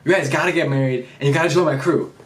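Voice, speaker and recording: A brash, cheerful young pirate captain who talks loud and pushy, as a man puts him on. There is a roomy echo on the recording. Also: a little high, quick pace, close to an everyday voice.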